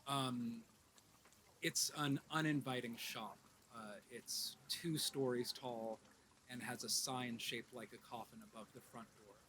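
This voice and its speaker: A man narrating a tabletop game as game master, conversational and halting as he describes scenes. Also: medium pitch, steady tone, bright, forceful tone, a little hiss or hum. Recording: guitar music behind the voice.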